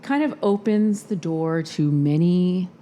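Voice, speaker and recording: A woman's voice: on the low side, lively intonation, takes it slowly, warm tone, a little hiss or hum. A woman hosting a casual podcast chat, talking loosely with lots of fillers and laughter. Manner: chatty, laughing, heavy on fillers. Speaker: podcast host.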